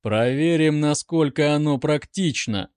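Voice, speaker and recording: A man's voice: a little high, unhurried, darkish tone, smooth, dry recording, clean studio sound, close to an everyday voice. A man doing a sneering arrogant lieutenant. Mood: mocking, commanding. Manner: mocking, commanding.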